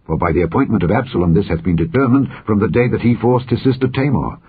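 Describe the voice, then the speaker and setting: A man reading the part of a royal counselor who calmly reassures the king. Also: on the low side, fast, slightly rough. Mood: reassuring. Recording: dull lo-fi audio recording.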